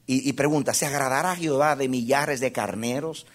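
A man preaching a sermon to a congregation, impassioned, asking them questions and repeating phrases for emphasis, swinging from hushed to loud. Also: mid-range voice, brisk. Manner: addresses the congregation directly with questions.

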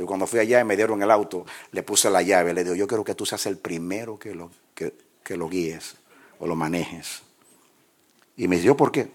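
A man in his sixties or older, a pastor, preaching a sermon in a soft, low-key storytelling voice in a church.

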